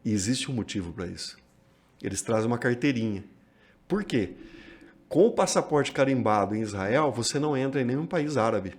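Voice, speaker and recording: A Brazilian pastor, telling a travel story as a podcast guest. He is a lively storyteller who acts out quoted dialogue. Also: medium pitch, brisk. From Minas Gerais, Brazil. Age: 50s.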